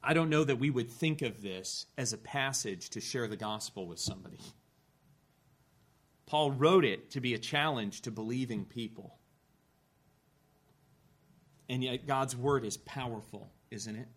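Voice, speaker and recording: A man's voice: medium pitch, moderate pace, a bit bright. Man preaching an earnest sermon. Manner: earnest storytelling with rising emphasis and dry asides. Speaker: pastor. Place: church.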